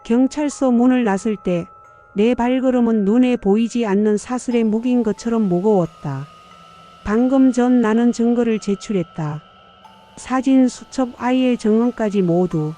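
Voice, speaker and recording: An older woman narrating a first-person audiobook story in a measured, somber way. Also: a little high, warm tone.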